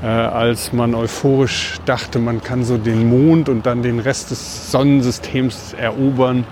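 Man, podcast co-host, medium pitch, informal chat on foot, faint urban noise. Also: flat delivery, a little slow. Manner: talking while walking outdoors. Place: outdoors on a city street. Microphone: wireless transmitter mic.

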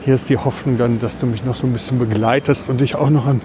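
A man co-hosting a casual podcast, presenting a topic in a halting way while walking outdoors in the city. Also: medium pitch, steady tone. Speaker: podcast co-host. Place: outdoors on a city street along a tram line. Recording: clear street and vehicle noise behind.

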